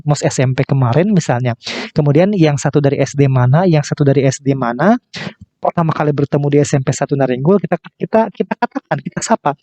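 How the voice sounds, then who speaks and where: A male teacher explaining an English lesson, reading example phrases slowly and carefully. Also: fairly high pitch, dark tone, no room sound. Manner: reads model English lines slowly and deliberately. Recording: dull lo-fi recording.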